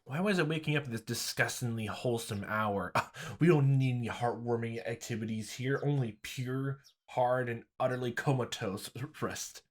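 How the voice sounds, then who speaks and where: A man's voice: medium pitch, normal speed. Man casually reading a visual novel. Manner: casual, laughing, rambling asides. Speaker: let's play reader.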